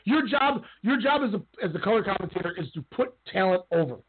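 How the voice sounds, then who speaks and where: A man's voice: high voice, animated, fast talker, slight background noise. Ranting man on a tinny phone line. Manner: heated, ranting. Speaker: podcast co-host. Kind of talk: casual wrestling talk. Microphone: call-in radio line.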